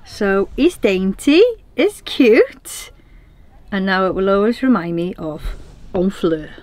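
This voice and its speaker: A British woman chatting excitedly in a casual travel vlog, outdoors in a small town, saying "like" a lot. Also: mid-range voice, slow, no room sound. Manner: chatty, excitable, says "like" often. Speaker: vlogger.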